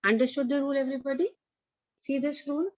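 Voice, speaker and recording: A woman's voice: high-pitched, fairly even intonation, fast, darkish tone, no echo. A woman with an Indian accent, a school teacher instructing an online class, repeating herself and checking in with questions.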